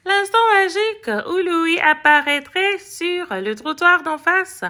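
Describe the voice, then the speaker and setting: A woman reading a children's storybook aloud, high-pitched and bright. She reads slowly and expressively, her pitch rising and falling a lot. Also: lively intonation. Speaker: reader. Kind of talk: children's book read aloud.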